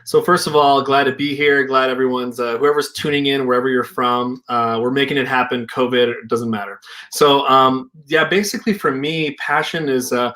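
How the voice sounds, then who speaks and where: A man's voice: medium pitch, steady tone, moderate pace, pushed and bright. Reflective young man, casual. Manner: reflective, hedging with "like" and "you know". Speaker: co-founder and healing practitioner. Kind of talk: casual conversation.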